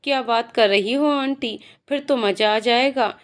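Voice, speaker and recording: A woman's voice: fairly high pitch, measured pace, natural voice. A woman voicing a cheerful young male college student who talks in a playful, coaxing, polite way.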